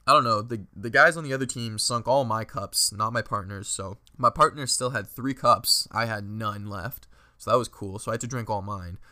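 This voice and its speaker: A man's voice: on the low side, normal speed, bright, forceful tone. A young man from Ontario, Canada, telling rambling party stories with lots of filler words, swearing and laughter. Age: young adult. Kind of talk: casual storytelling.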